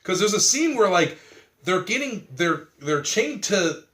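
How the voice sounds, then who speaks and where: A man's voice: high-pitched, sing-song, unhurried, fairly bright tone. A man in a casual film review chat, retelling scenes with laughter and swearing freely.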